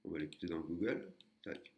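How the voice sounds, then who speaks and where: A man's voice: low-pitched, wildly swooping pitch, brisk, mellow. A man teaching a language lesson, explaining patiently step by step with frequent hesitations. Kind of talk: screen-recorded lesson.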